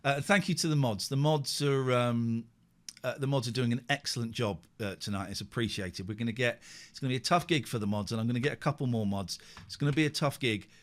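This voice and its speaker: A man hosting a live late-night streamed radio chat, animated and self-mocking. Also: mid-range voice, quick pace. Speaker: host.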